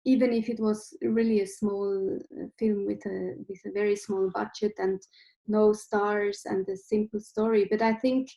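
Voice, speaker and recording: On a low-quality laptop webcam call, a Swiss woman in her forties who directs films talks from a bookshelf-filled room at home. Her medium-pitched voice is flat, creaky and dark at a moderate pace, and she thinks aloud with many restarts and fillers.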